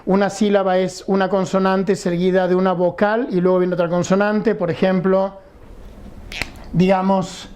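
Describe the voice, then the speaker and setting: A man's voice: high-pitched, flat delivery, normal speed, darkish tone. A man giving a recorded English lesson, explaining patiently and often checking that students follow. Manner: patient, explanatory, asks rhetorical questions and checks understanding. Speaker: English teacher.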